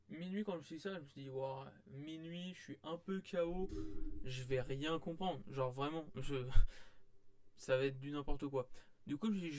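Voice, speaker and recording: Young-sounding man, fairly high voice, dry close mic; rambling casual reviewer full of fillers. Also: darkish tone, no echo. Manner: rambling, many fillers and restarts. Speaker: manga reviewer.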